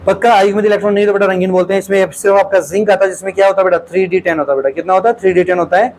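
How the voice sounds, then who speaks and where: A man's voice: sits high, steady tone, rapid-fire, a little mellow, a little hiss or hum, poor audio. A male teacher solves exam questions aloud in a lecture, keeps calling his students "beta", and asks questions and repeats the answers.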